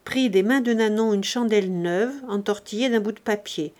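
A woman reading a classic novel aloud as an audiobook, in a steady, measured way. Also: medium pitch. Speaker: audiobook reader. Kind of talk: scripted narration of a classic novel.

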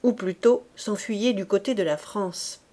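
A woman narrating a classic novel in a measured, clear storytelling manner. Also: mid-range voice, mellow. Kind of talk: reading a classic novel aloud.

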